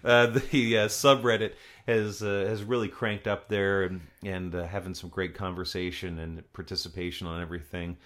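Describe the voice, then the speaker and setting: A man with a very low voice hosts a casual podcast. He talks conversationally, with some hesitation and a joking streak. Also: flat delivery, normal speed, fairly bright tone. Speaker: podcast host.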